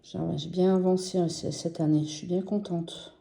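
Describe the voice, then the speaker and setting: A French woman chatting casually and enthusiastically about her embroidery projects in a vlog, slow and gentle with many fillers. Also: on the low side, fairly even intonation, creaky, reverberant. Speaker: embroidery vlogger. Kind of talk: casual show-and-tell vlog.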